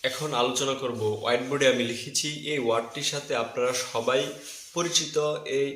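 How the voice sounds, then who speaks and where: A man teaching pronunciation at a whiteboard, in a mid-pitched voice. He speaks slowly and repeats the key word again and again. The room around him is echoey. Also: fairly even intonation, a bit bright, slight background noise.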